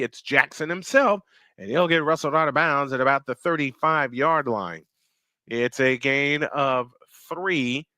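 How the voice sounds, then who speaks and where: A man in his fifties calling a football game live play-by-play, slightly hoarse, reading viewer chat between plays and getting excited on big runs. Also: fairly high pitch, no echo, clean studio sound. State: slightly hoarse, clearing throat. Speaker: play-by-play announcer.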